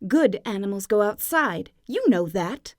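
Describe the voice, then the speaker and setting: A woman voicing a fussy, proper dog mother with a prim, slightly shrill manner. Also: big pitch swings, measured pace, no room sound, clean studio sound.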